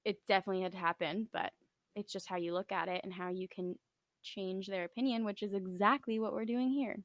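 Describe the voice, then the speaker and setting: A young woman, a former cheerleader, answering questions in a relaxed and reflective way on a podcast. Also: mid-range voice, brisk, no echo. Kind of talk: casual podcast interview.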